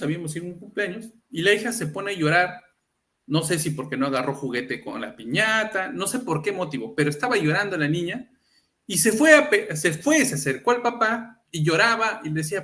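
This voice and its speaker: This man hosts a laid-back livestream in a high-sitting, fairly bright voice. He often turns to the audience with rhetorical questions and performs the voices of those he quotes.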